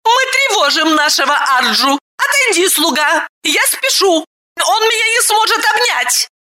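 A woman's voice: extremely high pitch, very animated, a little slow, voice pushed up, heavily acted. Shrieking haughty young woman. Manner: squealing, shouting, scolding. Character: shrill, excitable young woman, haughty and breathless.

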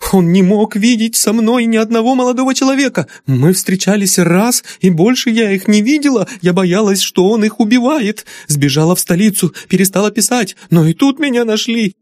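A man voicing a tearful young woman who shrieks and pleads in a high, frantic voice. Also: a little mellow, no room sound, studio quality, close to an everyday voice.

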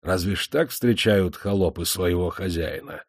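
A man's voice: mid-range voice, lively intonation, measured pace, darkish tone, pitched above the performer's own voice. A man voicing a cruel, stern male master who threatens chained prisoners with a harsh, commanding voice.

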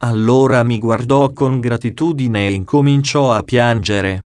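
A male audiobook reader going through an old diary solemnly, at a very slow pace. The sound is dry and close to the microphone, with no room around it. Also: mid-range voice, darkish tone, dry recording. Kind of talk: scripted reading of a diary.

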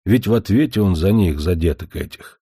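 Male narrator for a folk tale audiobook, low dark mellow voice, dry close sound, measured folksy delivery. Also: animated, slightly rough, no echo.

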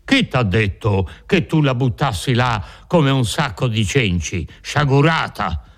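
A man's voice: medium pitch, lively intonation, takes it slowly. A man reading an audiobook, voicing a feared, wrathful nobleman who speaks in a commanding, scornful way. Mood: stern.

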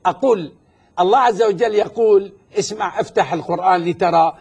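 A man in a heated televised religious debate, speaking emphatically and slowing down to recite scripture. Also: sits high, creaky, darkish tone, slightly rough.

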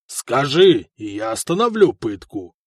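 A man voicing a booming cruel prefect. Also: very animated, unhurried, husky, no echo, studio quality. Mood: commanding. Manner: booming, commanding. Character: imperious bearded male prefect, cruel and thunderous.

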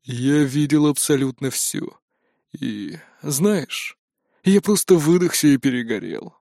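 A man voicing a tired, disillusioned male artificial intelligence who speaks slowly and flatly in an audiobook. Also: vocal fry, no echo, clean studio sound. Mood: weary. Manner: slow, low and tired. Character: weary disillusioned male AI, cold and resigned.

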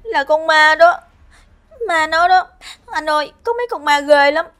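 A woman voicing a young female student with a high, shrill voice, often sobbing in fear. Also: fairly even intonation, a little fast, darkish tone, close to an everyday voice. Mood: terrified.

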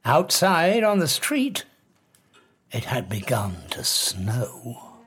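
An actor with a British accent playing a proud, haunted fugitive scientist, theatrical and formal, in an audio drama. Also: male voice, mid-range voice, wildly swooping pitch, very slow, a bit bright, husky, heavily acted. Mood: grave, haunted.

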